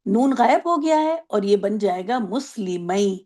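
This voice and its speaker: A woman teaching an online Arabic grammar class, explaining patiently, asking if everyone follows, and drawing out example words slowly. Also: medium pitch, animated, warm tone. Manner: explains patiently, asks checking questions.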